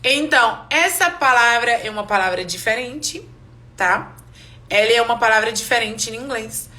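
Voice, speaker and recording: A woman teaching an English pronunciation class live online, explaining slowly and repeating each word for her students. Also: a little high, expressive, pushed and bright, a little hiss or hum.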